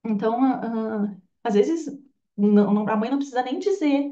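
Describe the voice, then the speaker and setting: Warm, fairly high, and brisk, the same course teacher delivers her Bach flower therapy lecture with animation. She chats informally, leans on tag questions, and voices the people she quotes. The recording comes from a distant lo-fi mic in a room with echo.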